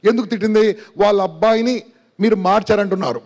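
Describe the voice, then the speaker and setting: A middle-aged man giving a motivational seminar talk, energetic, quizzing the audience and mixing in English phrases. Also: high voice, quick pace. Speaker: motivational speaker.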